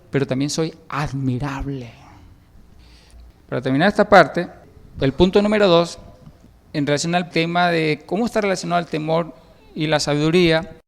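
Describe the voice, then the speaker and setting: A man preaching a sermon, emphatic, repeatedly addressing the listeners as brother and rising on key words. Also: on the high side. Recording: long hall reverb.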